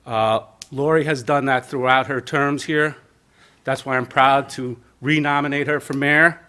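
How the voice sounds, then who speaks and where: A man's voice: medium pitch, fairly even intonation, unhurried, sharp tone, clean tone. A man giving an informal nominating speech at a local caucus meeting, mixing in joking asides with plainspoken emphasis. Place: community center meeting room.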